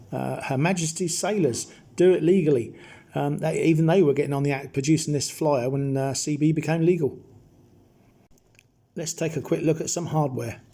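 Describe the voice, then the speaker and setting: With a warm voice on the high side, a middle-aged or older man presents a nostalgic retrospective as a hobbyist. His delivery is informal and measured, as if explaining.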